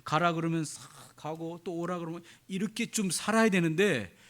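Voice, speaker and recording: A man's voice: a little high, normal speed, fairly bright tone. A man preaching a sermon as a pastor. He acts out quoted prayers and keeps asking the congregation questions.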